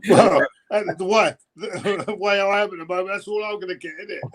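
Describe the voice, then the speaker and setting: A man's voice: high voice, steady tone, moderate pace. A man making blunt, jokey asides during a casual football watchalong chat.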